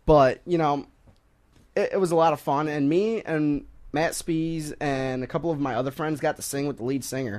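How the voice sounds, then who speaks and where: A young man hosting a casual sports talk radio show, joking and rambling between topics and quick to laugh. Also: a little high, a little mellow. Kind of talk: casual college radio banter.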